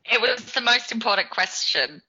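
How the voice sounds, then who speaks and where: A woman's voice: on the high side, expressive, moderate pace, sharp tone, breathy edge, dull audio. A woman with an Australian accent chatting playfully and casually as a podcast co-host. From Melbourne, Australia.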